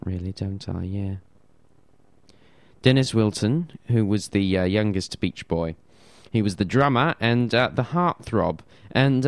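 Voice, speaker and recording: A man's voice: on the low side, no room sound. A man presenting music on radio, reading notes casually with self-deprecating asides and stumbles over names.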